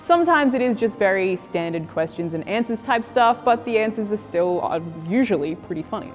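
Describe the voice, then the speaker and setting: A woman's voice: mid-range voice, lively intonation, fairly quick. A woman reading scripted video game reviews and news as a presenter. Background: music.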